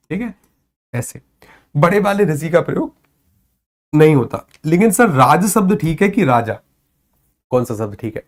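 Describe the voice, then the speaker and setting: A man teaching a grammar lesson to camera at a board. He talks playfully and teases the viewers, and he keeps checking that they follow. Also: on the high side.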